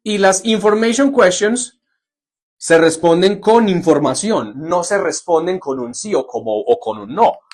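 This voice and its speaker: A man's voice: high voice, measured pace. A man teaching English in a live online lesson, in an upbeat, joking manner that keeps checking on the class. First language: Spanish. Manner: lively, jokey, asks "¿listo?" often.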